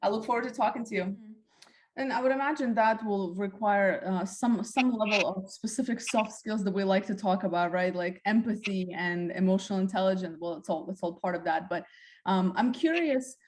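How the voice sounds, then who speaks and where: A woman's voice: medium pitch, brisk, a little mellow, slight background noise. A woman hosting a podcast interview, talking in a friendly way with lots of fillers. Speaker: podcast host.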